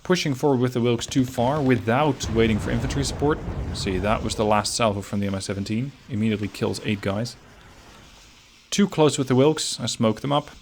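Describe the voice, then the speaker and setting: Relaxed man commentating a strategy game replay. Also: medium pitch, brisk, slight background noise. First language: not Finnish. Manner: relaxed, analytical, self-critical. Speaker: gameplay commentator.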